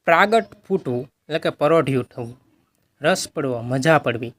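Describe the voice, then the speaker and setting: A man, working as a tutor, reading vocabulary words and their meanings aloud in a steady list. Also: medium pitch, moderate pace.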